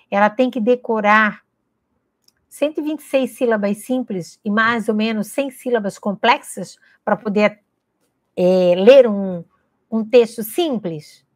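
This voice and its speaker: A Brazilian woman educator with a slightly high voice gives an emphatic teaching talk, putting rhetorical questions to parents and teachers and answering them at once. The recording is dry and close, with no room sound. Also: no room sound. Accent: Brazilian Portuguese.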